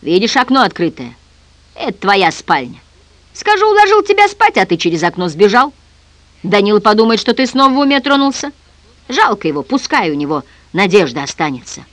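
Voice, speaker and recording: A narrator voicing a deranged, hoarse middle-aged man who pants and mutters fanatically in an audiobook. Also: mid-range voice, very animated, fairly quick, fairly bright tone, no echo. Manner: panting, muttering.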